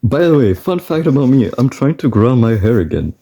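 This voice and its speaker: A man's voice: mid-range voice, very animated, brisk, dark tone. A man of twenty-one chatting casually and rambling, often stopping himself mid-sentence and laughing. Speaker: artist vlogger. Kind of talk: casual chat.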